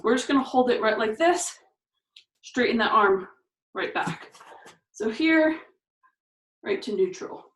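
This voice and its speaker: A woman leads a workout demonstration, talking each move through as she does it and a little out of breath. Her voice sits somewhat high. She is recorded from a distance in an echoey room. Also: expressive, unhurried, pauses often. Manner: talks through each move while doing it, counting reps. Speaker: fitness instructor. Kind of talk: exercise demonstration. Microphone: camera mic from a distance. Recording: echoey room, voice far from the mic.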